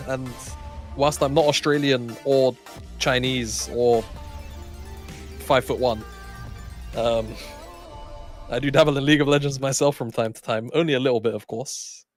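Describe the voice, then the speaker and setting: A man's voice: medium pitch, moderate pace, long pauses, soft background music. A man, co-hosting a livestream and chatting casually with viewers. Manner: chatty, swearing, laughs often. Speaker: stream co-caster.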